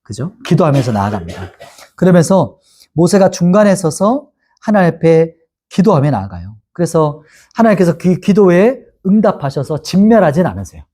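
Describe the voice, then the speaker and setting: A man's voice: fairly high pitch, big pitch swings, moderate pace, warm tone. A male pastor giving a Bible lecture, asking his class questions and answering them himself. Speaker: pastor teaching a Bible course.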